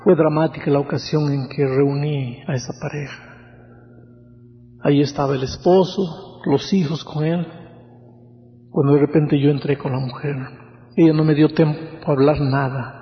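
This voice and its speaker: Middle-aged male pastor, dramatic sermon storyteller, voice a little high, dull recording with long hall echo. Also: steady tone. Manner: dramatic, slows and softens for quoted pleas.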